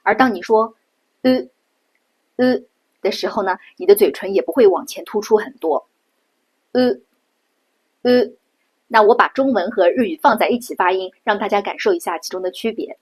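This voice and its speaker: A middle-aged woman from China giving a patient pronunciation lesson, slowing down and repeating sounds to show them. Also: mid-range voice, darkish tone, slightly rough. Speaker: Japanese language teacher.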